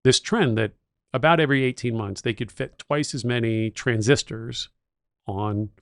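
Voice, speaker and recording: A middle-aged man co-hosting a podcast, with a gravelly, fry-edged voice. He speaks at an ordinary pitch and tells stories with keen enthusiasm, and the sound is dry and close with no room echo. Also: normal speed, fairly bright tone. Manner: enthusiastic storyteller, techno-utopian. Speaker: podcast co-host. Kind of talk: casual chat.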